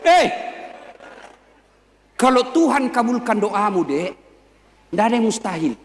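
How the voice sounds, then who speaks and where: A male preacher, giving a lively, joking sermon and speaking directly to a live crowd. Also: high voice, unhurried. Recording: long hall reverb.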